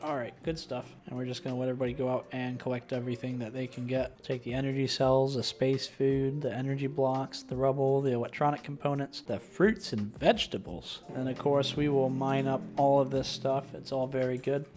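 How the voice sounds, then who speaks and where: Brisk and barely pausing, a young gaming host talks over his own playthrough with faint music behind him. His darkish, medium-pitched voice varies little in pitch, and his let's play commentary is chatty and self-deprecating.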